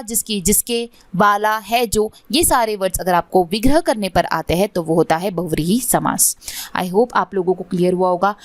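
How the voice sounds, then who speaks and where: A woman's voice: medium pitch, no echo. A woman teaching an online exam-prep lesson, mixing English words into her Hindi and often checking in with "theek hai".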